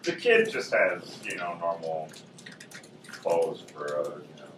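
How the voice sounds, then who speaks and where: A man with a somewhat low voice runs a tabletop horror session, wandering through his scene descriptions. He sounds distant from the mic. The room is echoey and full of convention chatter. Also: big pitch swings, takes it slowly, noisy background. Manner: loose, meandering scene description. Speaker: game master. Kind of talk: improvised narration of a tabletop horror game.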